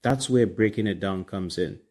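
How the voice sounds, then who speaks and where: A Trinidadian man with a fairly low voice hosts a relaxed podcast. His accent is clear in his island slang and grammar as he gives casual, motivational talk. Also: normal speed. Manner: colloquial, Caribbean slang and grammar. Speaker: podcast host.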